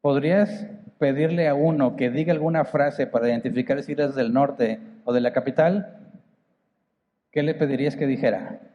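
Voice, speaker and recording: A man's voice: on the high side, in a large hall, lo-fi sound. A man with a northern Mexican accent preaching a sermon as pastor, conversational, asking the congregation rhetorical questions. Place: church hall.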